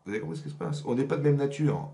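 A man giving a religious lesson to women as a rabbi, animated and often checking whether the audience has understood. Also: medium pitch, very fast, echoey room. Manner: animated, asks "vous avez compris?" often. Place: rented workshop room.

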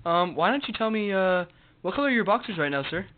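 A man's voice: high voice, animated, fast talker. A man joking around and teasing friends in casual chat, often giggling and putting on a mock-formal tone. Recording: tinny lo-fi home video, faint hiss.

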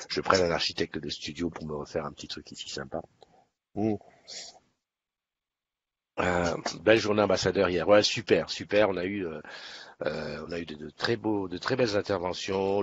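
Man, livestream host, chatty, upbeat, husky voice, dull lo-fi audio. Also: low voice. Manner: chatty, upbeat, greets people by name. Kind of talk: casual live-stream chat greeting viewers. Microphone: webcam setup.

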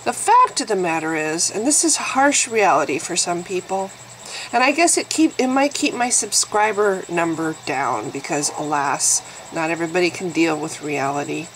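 A woman's voice: on the low side, lively intonation, normal speed, slight background noise, poor audio. A woman in her fifties with a nasal voice, vlogging to camera in a blunt, sarcastic way. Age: 50s. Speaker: YouTube vlogger. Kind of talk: candid talking-to-camera vlog.

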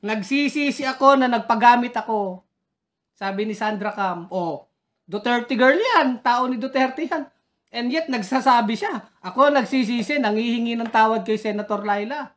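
A woman speaks in a slightly higher voice as a political commentator. She taunts and challenges her critics head-on, firing off questions one after another in a combative, heckling way. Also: normal speed. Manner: taunting, heckles critics and reads their names.

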